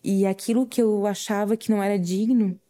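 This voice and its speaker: Her warm, mid-range voice stays steady and runs a little fast as she, a podcast guest, relates a heartfelt faith testimony. She speaks with earnestness, sometimes through tears, and voices her own quoted words.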